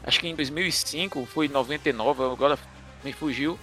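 Bright, fairly high-voiced man. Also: fairly quick, soft background music. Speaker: football podcast co-host. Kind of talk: casual sports discussion.

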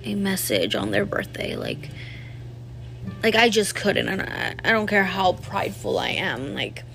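Woman, 30s, vlogger, candid personal story, rambling delivery, heavy "like" fillers, gravelly fry. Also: medium pitch, big pitch swings, unhurried, fairly bright tone, slight background noise. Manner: addresses viewers directly.

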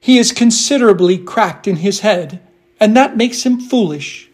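A man voicing a timid, fragile young china princess who speaks delicately and slowly. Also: high-pitched, lively intonation, a little mellow, slightly rough, pitched above the performer's own voice. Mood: prim. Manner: frightened, pleading, slow and delicate.

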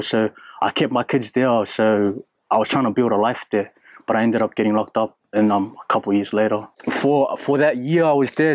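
A young man from New Zealand with a New Zealand accent, talking candidly and haltingly in an interview, with many fillers and restarts. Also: medium pitch, dry recording. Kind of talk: casual interview.

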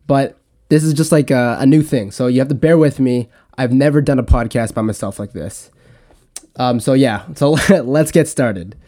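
A young man hosting a casual podcast on his own, talking in a relaxed, rambling way with frequent restarts. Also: mid-range voice, moderate pace. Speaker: podcast host. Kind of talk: casual solo podcast talk.

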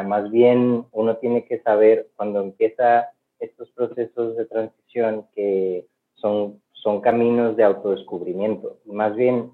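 A man's voice: lowish voice, phone-quality sound. A man from Monterrey, Mexico, with a northern Mexican accent, answering as a guest activist, friendly and thoughtful. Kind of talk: interview answers.

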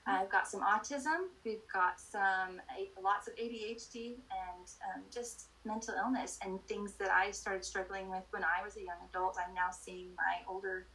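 Earnest, halting woman telling her story. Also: mid-range voice, fairly even intonation, sharp tone, poor audio. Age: middle-aged. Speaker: podcast guest. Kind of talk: candid personal storytelling.

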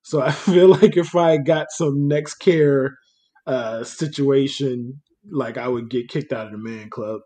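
A man's voice: mid-range voice, a little slow, warm tone. Laid-back man co-hosting a podcast. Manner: laid-back, laughs often, trails off with fillers. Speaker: podcast co-host. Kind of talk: casual chat.

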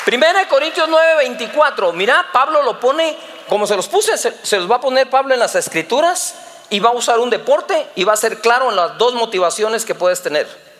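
A male preacher, teasing his congregation and acting out scenes. His voice sits unusually high and swings widely, with a bright, forceful edge. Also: fairly quick, some chatter behind. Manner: lively, teasing, acts out dialogues. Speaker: pastor. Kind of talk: sermon.

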